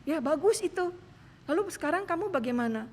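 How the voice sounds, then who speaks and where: A woman voicing a calm male pastor who counsels with gentle questions. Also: very high-pitched, a little fast. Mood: patient. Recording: long church reverb.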